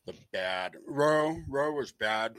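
A man's voice: medium pitch, expressive, slow, a bit bright, no echo. An Australian man calling in to a sports talk show on a crackly phone line that fades in and out, hesitant but firmly opinionated. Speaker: caller.

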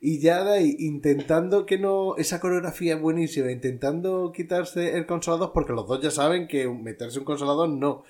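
A man, chatting on a podcast in a medium-pitched voice. He tells his stories with animation and laughs often. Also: brisk, few pauses, darkish tone. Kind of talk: casual chat.

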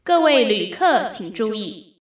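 A woman teacher reading flight notices as a female airport announcer, in a formal, measured way, as if over an airport intercom. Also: medium pitch, big pitch swings. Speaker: Chinese teacher. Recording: roomy, distant-miked echo.

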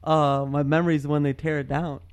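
A man's voice: a little high, little pitch movement, fairly quick, clear, resonant tone. A man in a casual chat, making dry, wisecracking remarks. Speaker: podcast co-host.

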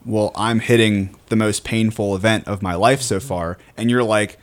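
A man with a low voice takes part in a relaxed talk about work. He thinks out loud, using fillers and restarting his words. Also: normal speed. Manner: reflective, with fillers and repeated words. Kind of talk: casual workplace chat.

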